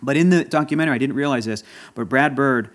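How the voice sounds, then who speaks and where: A man's voice: medium pitch, quick pace. Man, podcast guest, passionate, rambling, emotional, casual chat. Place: Los Angeles area.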